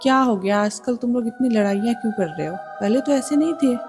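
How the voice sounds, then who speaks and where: A woman's voice: a little high, brisk, close to an everyday voice. A woman voicing an anxious middle-aged mother-in-law asking concerned questions. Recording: music playing behind the voice.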